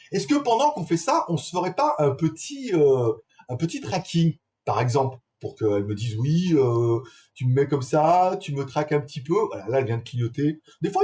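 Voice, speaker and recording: A man's voice: a little high, mellow, slightly rough. A man reviewing a webcam in casual French, chatty and laughing often, talking straight to the viewer through the camera's built-in mics. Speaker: tech reviewer. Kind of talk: casual product demo. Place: room with small fan and air conditioner. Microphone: webcam built-in microphones.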